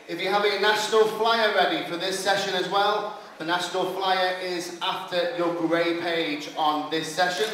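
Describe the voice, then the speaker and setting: A middle-aged man hosting live in a bingo hall, making announcements and bantering over a PA. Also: high-pitched. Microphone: handheld mic through speakers. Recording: very echoey hall PA, distant, faint noise.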